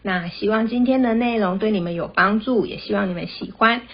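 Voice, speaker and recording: A mother hosts a parenting podcast, chatting gently and sharing stories about her kids. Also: mid-range voice, fairly quick, slightly rough. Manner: gentle, chatty, tells personal anecdotes. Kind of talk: casual podcast monologue. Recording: dull, slightly lo-fi sound.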